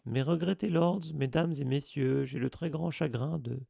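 A man's voice: on the high side, moderate pace, creaky, warm tone, no room sound, clean studio sound, pitched above the performer's own voice. A man voicing a bitter, stiff ghost who makes a formal, pompous speech, in a storybook reading.

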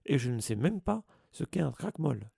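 Un homme qui joue un jeune garçon sorcier inquiet, qui bafouille pour se défendre. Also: male voice, medium pitch, sing-song, brisk, creaky, warm tone, slightly rough, dry recording, clean studio sound, pitched above the performer's own voice, full character voice. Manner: defensive, stammering. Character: anxious young boy wizard.

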